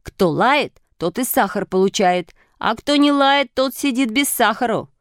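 An excitable, bossy schoolboy, as a woman puts him on in a storybook reading, his raised boyish voice jumping about lively. The sound is dry and close. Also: a little high, measured pace, no room sound, pitched above the performer's own voice. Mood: eager.

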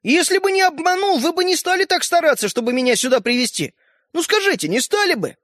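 A man voicing a tiny, boastful and sly living toy boy in a storybook, cheeky and excitable. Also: very high voice, fast talker, no room sound, clean studio sound, pitched above the performer's own voice. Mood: defiant.

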